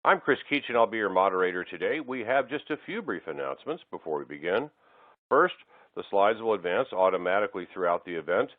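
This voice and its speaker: Male webinar moderator, formal scripted read, low and animated; thin phone-like sound. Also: no echo. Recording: tinny phone-line sound, dry.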